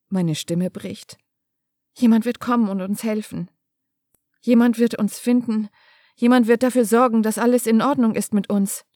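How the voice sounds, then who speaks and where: A woman reading a first-person audiobook story aloud, emotional and falling to a hush in tense passages. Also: mid-range voice, dry recording, clean studio sound. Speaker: audiobook narrator.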